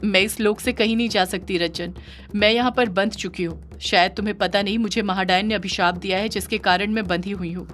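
In an audio horror story, a woman voices a devoted, defiant female yakshini spirit, speaking firmly. Her mid-range, fairly bright voice is close to an everyday one, a little fast with fairly even intonation, and there's slight background noise.

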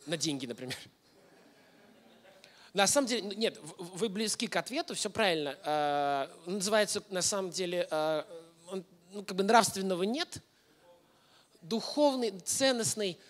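With a high pitch, lively intonation and frequent pauses at a moderate pace, a man likely in his thirties gives a masterclass. He speaks informally on stage before a projection screen in an indoor hall, repeatedly asking the audience questions.

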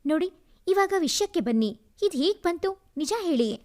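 An anxious young woman pleads and then presses for the truth in a storybook reading, as a woman narrator gives her voice to her. She speaks high and tense, close to the narrator's own delivery. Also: lively intonation, normal speed, a little mellow.

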